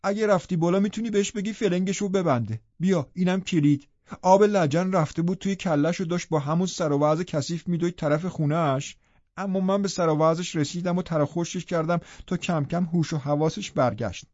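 A man's voice: high-pitched, a little mellow, no echo, highs cut off, pitched above the performer's own voice. A man reading an audiobook voices a gossipy, nosy middle-aged woman servant who keeps firing questions. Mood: insistent. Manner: prying, breathless questioning. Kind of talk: audiobook character voice.

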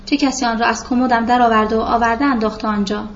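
A woman reads a literary novel aloud, calm and measured in her storytelling. Her voice sits somewhat high. The recording is dull and lo-fi, with a faint hiss behind her. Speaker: narrator. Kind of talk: literary audiobook narration.

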